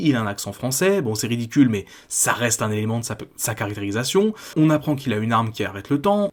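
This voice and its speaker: A man from France hosting a video essay, talking in a critical, conversational way with frequent casual fillers. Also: mid-range voice. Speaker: YouTube host.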